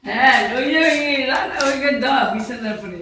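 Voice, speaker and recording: Homely relative: woman, sharp high voice, everyday family talk, picked up from across an echoey room. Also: expressive, brisk, soft background music. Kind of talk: casual household talk. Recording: distant mic, roomy echo, faint noise.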